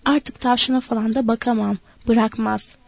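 A woman voicing a huge, simple-minded, childlike man who speaks in a plaintive, halting way for an audiobook. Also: on the high side, steady tone, vocal fry, no room sound. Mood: mournful. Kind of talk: audiobook character voice.

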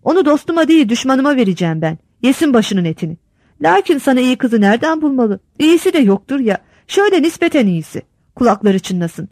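A blunt old village headman holds forth with homespun sayings, as a woman reads him aloud. His voice sits fairly high and swings widely in pitch. The sound is close and dry. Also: sing-song, fairly quick, a little mellow, no echo. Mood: lecturing. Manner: lecturing, folksy sayings.

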